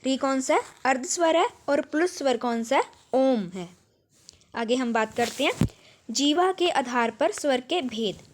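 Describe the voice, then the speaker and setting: A woman with a Punjabi accent teaches an exam-prep grammar lesson in a high, light voice. She asks questions, answers them herself, and draws each vowel out slowly as she sounds it. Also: animated, noisy background.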